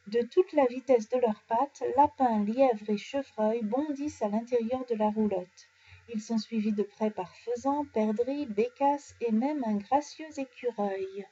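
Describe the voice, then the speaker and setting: A French-speaking woman reading bedtime stories aloud, animated and changing her voice for each character. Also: a little high, husky. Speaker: storyteller. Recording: dull lo-fi recording.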